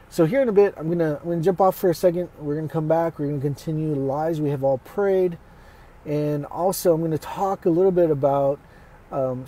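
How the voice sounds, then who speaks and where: Guy teaching faith stuff casually, kinda high voice but real warm and husky. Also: rough recording. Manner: conversational, speaks straight to listeners.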